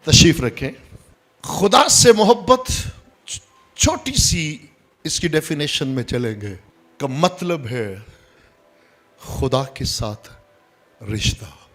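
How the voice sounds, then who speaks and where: Male pastor, sermon delivery: measured pace, hushed lows bursting into high, loud peaks. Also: very animated. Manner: preaching with big swings from soft to loud, high exclamations.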